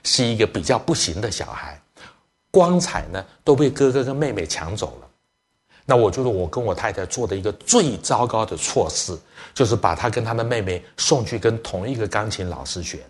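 A man's voice: lowish voice, fairly quick. A middle-aged man, a church elder, preaching to parents through family stories, acting out dialogue and dropping English phrases into his speech. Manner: lively storyteller, acts out family dialogue. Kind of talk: sermon storytelling to parents.

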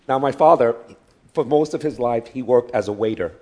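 A man giving a sermon as a guest preacher, speaking in short phrases and pausing for an interpreter. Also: medium pitch, darkish tone. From United States. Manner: short phrases with pauses for translation. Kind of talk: sermon delivered through an interpreter.

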